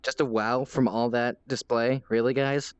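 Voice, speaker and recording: Recorded dry with the highs cut off, a man with a clear, resonant tone narrates his let's-play in a flat delivery at a moderate pace. He rambles and pokes fun at himself, responds to the game and chat, and yelps in high panic when taking fire.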